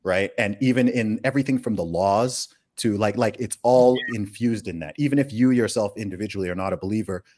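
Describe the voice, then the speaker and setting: Animated man hosting a podcast. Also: lowish voice, a little fast, few pauses, slight background noise. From UK, raised in Saudi Arabia. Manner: animated, emphatic, rhetorical questions, frequent restarts. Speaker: podcast host. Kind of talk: casual conversational podcast.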